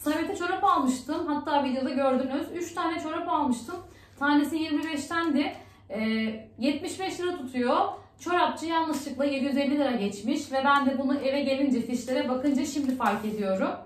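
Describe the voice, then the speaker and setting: A woman's voice: high-pitched, normal speed, roomy sound. A woman vlogger chatting casually at home, talking on in an upset, ranting way. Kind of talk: casual vlog chat.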